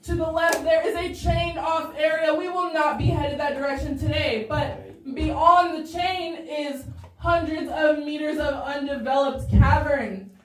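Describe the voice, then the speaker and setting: A woman's voice: high-pitched, fairly even intonation, measured pace. A woman working as a tour guide, speaking to a group in an underground cave with a strong echo. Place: underground cavern with hard rock walls, cave echo. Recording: echoing cave, distant mic, faint noise.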